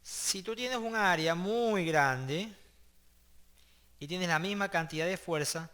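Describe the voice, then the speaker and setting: A man teaching a class online, with a bright, forward voice that sits a little above the usual male range. He talks conversationally and keeps checking in with the students. He builds each idea step by step and now and then restarts a phrase as he goes. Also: high-pitched, slow. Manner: explains step by step, with hesitant restarts. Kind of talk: online class lecture with prayer.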